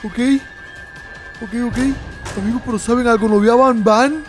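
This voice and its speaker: A man hosting his channel, excitedly reacting to a game trailer and talking to his viewers as friends. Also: very high-pitched, moderate pace, faint music behind. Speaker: YouTuber host.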